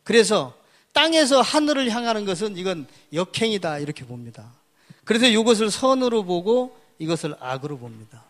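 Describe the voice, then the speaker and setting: High-voiced man lecturing on characters. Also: a bit bright. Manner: explanatory, pointing at characters on a board; asks and answers his own questions. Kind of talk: public lecture on Chinese characters.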